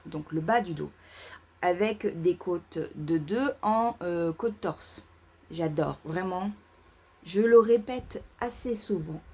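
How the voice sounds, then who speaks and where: Feeling too warm indoors at her parents' home, a French knitting podcast host gives casual knitting vlog chat. Her lowish, dark, husky voice moves at a slow pace. She hesitates constantly, with lots of "euh"s, fillers and restarts.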